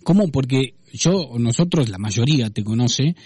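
Husky Argentine man interviewing. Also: medium pitch, animated, moderate pace, a little mellow, dry recording. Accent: Argentine Spanish. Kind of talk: conversational interview.

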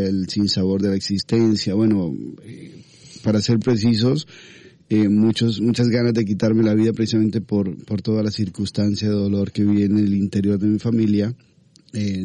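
A man from Colombia, sharing his faith testimony in an interview, halting and repeating words as he goes. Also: on the low side, flat delivery, warm tone, no echo. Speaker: guest.

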